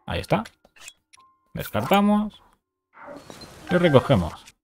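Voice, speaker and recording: A man's voice: high-pitched, huge pitch swings, slow, gravelly, soft background music. Man narrating a game glitch. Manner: talks through steps, repeats short commands. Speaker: gaming youtuber. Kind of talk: casual game tutorial commentary.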